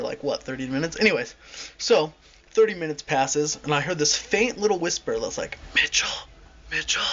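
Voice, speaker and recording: A man's voice: on the high side, a bit bright. A young man telling a rambling, exasperated story in casual vlog style and acting out the people he quotes. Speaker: vlogger. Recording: dull lo-fi home video with faint hiss.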